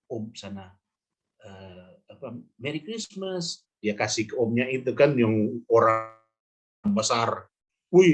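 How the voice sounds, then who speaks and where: Husky-voiced pastor telling a story. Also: male voice, mid-range voice. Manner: animated storyteller who acts out the people in his story. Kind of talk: preaching story in a podcast.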